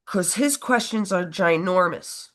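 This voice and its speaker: Stuffed up from a cold, this woman co-hosts a relaxed political livestream in a lowish, slightly slow voice. She rambles, laughs a lot, and leaves sentences unfinished.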